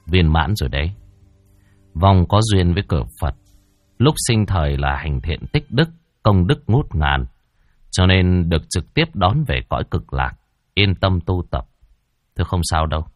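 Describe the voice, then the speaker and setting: A man voicing a young male exorcist who speaks in a measured, plain, slightly hesitant way. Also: deep voice, expressive, no echo, studio quality, faint music behind, voice pushed down. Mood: calm. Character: young male exorcist, aloof then flustered.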